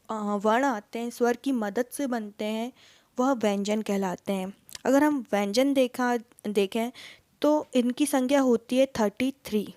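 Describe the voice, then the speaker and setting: A woman with a slightly high, darkish voice teaches an exam-prep lesson in Hindi sprinkled with English words, posing questions and answering them herself. There's no echo on the recording.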